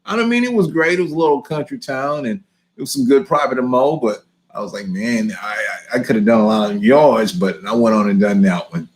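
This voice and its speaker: During a casual live Q&A chat, an easygoing middle-aged man from Houston, speaking with a Southern Texas accent, takes viewers' lawn care questions. His mid-range voice moves fairly quickly, and he laughs often as he reads questions aloud and then answers them.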